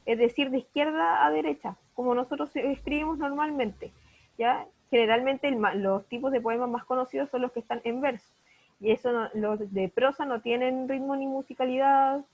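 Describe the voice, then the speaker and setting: A woman teaching a class over a video call, patiently asking her pupils questions to check they follow. Her voice is somewhat high and a little husky. The sound is dull and lo-fi. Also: darkish tone. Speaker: primary school teacher. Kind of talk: online class lesson.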